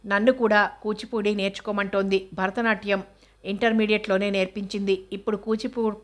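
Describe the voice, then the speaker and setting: Woman doing a gentle teenage student girl, soft mild way of talking, worried, flat pitch. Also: a little fast, close to an everyday voice.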